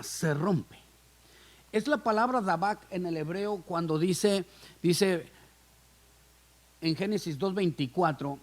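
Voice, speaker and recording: A man preaching a sermon as a guest pastor in a church, speaking with passion and calling his listeners brothers. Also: sits high. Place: church hall.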